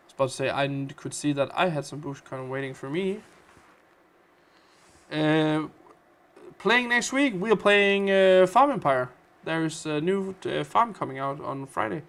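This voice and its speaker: A Danish-accented man hosts a casual gaming livestream. He chats playfully with viewers, answering their comments. His voice sits a little high for a man. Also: moderate pace, fairly bright tone. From Denmark. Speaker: livestream host.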